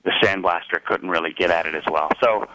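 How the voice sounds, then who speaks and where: A man calling in to a radio show over a phone line, speaking in a friendly but halting way with many pauses. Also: low voice, sharp tone.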